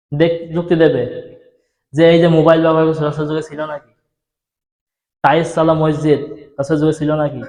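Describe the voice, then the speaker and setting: Preacher, man, fairly high voice, soft-spoken sermon with rhetorical questions, echoey hall PA. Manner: asks the audience rhetorical questions; speaks softly into a microphone. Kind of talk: Bengali Islamic sermon. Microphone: microphone on a PA system.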